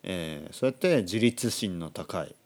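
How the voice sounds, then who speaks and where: A man hosting a casual podcast monologue for learners, speaking slowly and clearly, repeating himself and explaining words simply. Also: low voice, expressive. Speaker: podcast host for Japanese learners.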